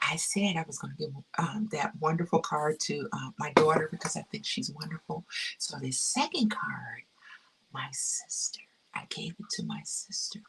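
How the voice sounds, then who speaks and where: A woman's voice: deep voice, vocal fry, breathy edge, far from the mic. A woman hosting a casual crafting livestream, effusive and heartfelt, repeating her phrases and dropping to a whisper at times. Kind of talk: casual live-stream chat.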